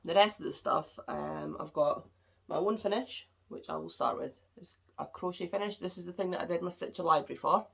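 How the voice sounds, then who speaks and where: A woman's voice: fairly low pitch, fairly quick, creaky, fairly bright tone, husky. A woman hosting a craft podcast, chatting casually and rambling a little, with a stuffed-up, slightly nasal voice from a cold. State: congested, a bit nasal. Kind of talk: casual chat about crafts. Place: at home.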